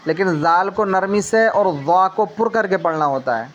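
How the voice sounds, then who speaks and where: A man teaching Quran reading in a tajweed lesson. He explains slowly, keeps tagging his sentences with a little "na", and says each letter sound over and over for the learner. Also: sits high, expressive, fairly bright tone, muffled recording, a little hiss or hum. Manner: leans on the filler tag "na" while explaining.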